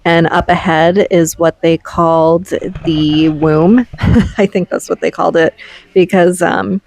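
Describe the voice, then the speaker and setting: Low-voiced woman narrating a casual vlog. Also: flat delivery, measured pace, a little mellow. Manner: conversational, explanatory. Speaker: vlogger. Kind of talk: casual voice-over recap of a trip.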